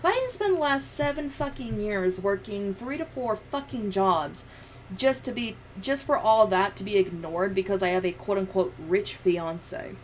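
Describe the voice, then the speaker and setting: On a livestream, a young woman from the United States edits a video and chats in a casual, sardonic way, swearing freely. She has a medium-pitched, expressive voice at a moderate pace. The audio is poor, with soft background music, clear background noise and room ambience.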